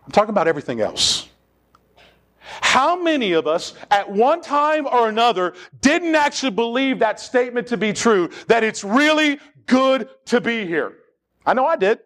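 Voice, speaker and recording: A man's voice: very high-pitched, very animated, normal speed, fairly bright tone. A man preaching a sermon as pastor in a church, leading the congregation in call-and-response. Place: church sanctuary.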